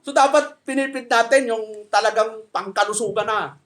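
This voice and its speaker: High-voiced Filipino man preaching casually. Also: moderate pace, fairly bright tone. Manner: jokey, conversational preaching with audience questions. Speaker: pastor. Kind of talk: sermon.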